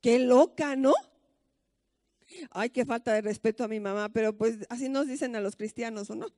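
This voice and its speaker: High-voiced Mexican woman pastor preaching. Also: moderate pace, dark tone, dry recording, studio quality. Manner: storytelling with rhetorical questions. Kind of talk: conversational sermon.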